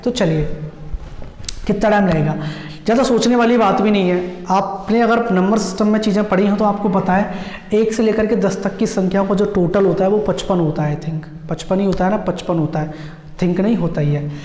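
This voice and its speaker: A man's voice: high voice, steady tone, brisk, darkish tone. A man teaching an exam-prep maths lesson, explaining step by step and repeating key points while checking in with his students. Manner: repetitive step-by-step explaining, frequent check-ins. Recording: echoey room with long reverb.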